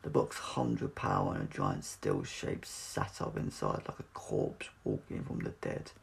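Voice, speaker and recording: A man with a creaky bass voice and a breathy edge reads an adventure audiobook from a script. Now and then he stumbles while reading aloud.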